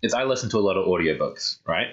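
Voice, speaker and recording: A man talks casually on a podcast in a lowish voice. He rambles, leaning on fillers and tag questions. The recording sounds a little dull and lo-fi. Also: lively intonation, fast talker, a bit bright. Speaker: podcast co-host. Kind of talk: casual chat.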